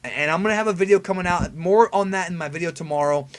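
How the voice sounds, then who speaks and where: The host of an anime review video talks fast in a high-sitting male voice. He offers casual, conversational fan commentary on an episode preview, speaking emphatically and tossing out rhetorical questions.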